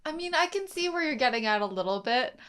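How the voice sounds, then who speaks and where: A woman's voice: high voice, expressive, fast talker, a bit bright, clear, resonant tone. Chatty woman co-hosting a reaction. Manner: chatty, uses filler words. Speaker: co-host reacting to anime. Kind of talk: casual reaction chat.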